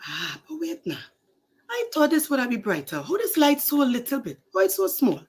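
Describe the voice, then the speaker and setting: A woman's voice: fairly high pitch, big pitch swings, normal speed, slight background noise, pitched above the performer's own voice. A woman putting on a sly little girl. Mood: curious. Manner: sly, giggly, whispering asides. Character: mischievous little girl sneaking matches.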